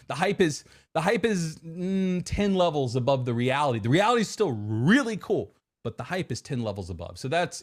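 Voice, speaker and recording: A man in his forties, a technology executive guest on a podcast, talking casually with many repeated words and restarts. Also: mid-range voice. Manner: many repeated words and restarts, quotes hype voices mockingly. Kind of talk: casual interview answers.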